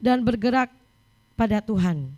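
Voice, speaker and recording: A middle-aged woman preacher delivering a sermon, telling personal stories in a lively way. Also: a little high, unhurried. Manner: lively storytelling, mixing in English scripture reading.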